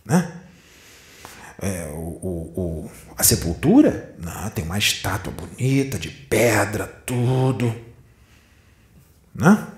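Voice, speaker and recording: A man's voice: mid-range voice, a little mellow. A man with a Brazilian Portuguese accent giving a spiritual teaching talk, telling vivid stories and speaking straight to his listeners. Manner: dramatic storytelling, addressing listeners directly. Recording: roomy echo.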